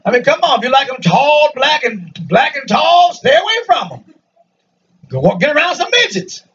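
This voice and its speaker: A man preaching a lively sermon to a congregation in a church, joking and calling out for answers. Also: extremely high pitch, moderate pace. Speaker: pastor. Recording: dull, distant church recording.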